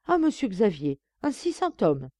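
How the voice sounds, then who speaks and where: A woman's voice: mid-range voice, wildly swooping pitch, unhurried, mellow, no room sound, studio quality. A woman voicing a coy young chambermaid. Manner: coy, feigned shock, light and pleading.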